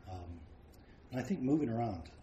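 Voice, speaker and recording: A man raised around the United States, a painter guest, telling frank, self-deprecating stories about his life in a relaxed way. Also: medium pitch, normal speed, slight background noise. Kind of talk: relaxed anecdotal storytelling. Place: large home studio. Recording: roomy studio with faint ambience.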